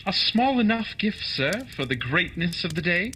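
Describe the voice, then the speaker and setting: An actor playing a genial, kindly gentleman doctor, a detective's loyal companion, in a radio play. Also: high-pitched, big pitch swings, moderate pace, noisy background. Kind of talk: radio drama acting.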